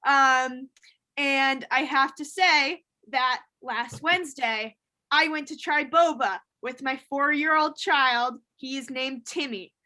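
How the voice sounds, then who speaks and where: A woman's voice: high-pitched, slow, pushed and bright, full character voice, rough recording. Woman playing Carol Donahue, an angry mother. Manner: accusing, emotional. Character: angry grieving New Jersey mother, woman. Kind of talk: improvised comedy role-play. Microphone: video call.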